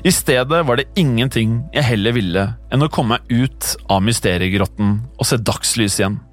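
A man narrates a scripted first-person horror story, keeping his delivery tense and hushed. His voice sits at an ordinary middle pitch, and faint music plays softly beneath the narration.

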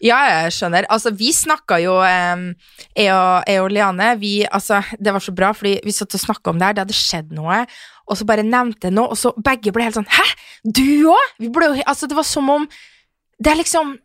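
Animated chatty woman co-host. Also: no room sound, clean studio sound. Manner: animated, acts out quarrels in a shrill voice. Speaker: podcast co-host. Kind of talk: casual chat.

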